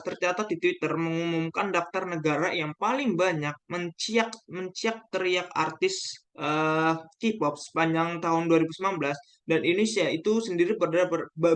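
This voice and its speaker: A man's voice: on the high side, a bit bright. A young man giving a class presentation, hesitating often with fillers and restarts. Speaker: student presenter.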